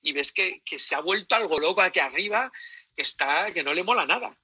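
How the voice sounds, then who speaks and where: A high, very bright and husky male voice. He chats casually as a guest comedian, telling stories animatedly, slipping into quoted voices and laughing along. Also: expressive, brisk, low-quality recording. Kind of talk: casual chat on a live stream.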